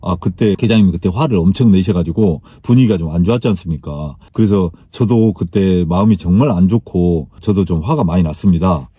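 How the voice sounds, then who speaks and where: Man doing a calm junior officer with a low, husky voice, earnest and polite in a spoken story. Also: no room sound. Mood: earnest, respectful. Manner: respectful, measured speech.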